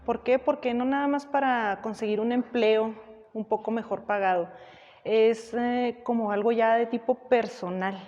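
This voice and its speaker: A woman from Sinaloa, Mexico, giving a relaxed, conversational personal testimony. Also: on the high side, moderate pace, in a large hall, highs cut off.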